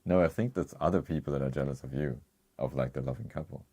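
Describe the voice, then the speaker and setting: A man co-hosting a casual conversation reads viewer comments in a rumbling low, dark voice, talking fast. He rambles, laughs quietly often, and restarts his thoughts.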